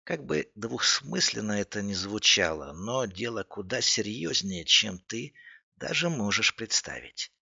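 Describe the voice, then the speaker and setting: Sergei, a man voicing a calm serious official. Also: lowish voice, unhurried, creaky, breathy edge, highs cut off, full character voice. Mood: grave. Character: steady middle-aged man, calm official.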